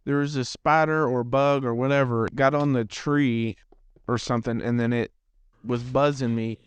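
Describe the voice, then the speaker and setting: A man's voice: medium pitch, fairly even intonation, moderate pace, clear, resonant tone. A teenage boy hosting a gaming channel, telling a rambling, self-deprecating story in casual chat with lots of restarts. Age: teens.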